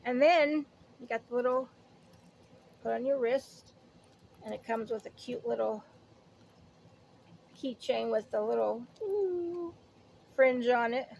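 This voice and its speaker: Here the same late-fifties haul vlogger talks slowly through her purchases, with vocal fry and long pauses, drifting off topic and interrupting herself. Her slightly high voice has a mellow quality, and faint background noise can be heard.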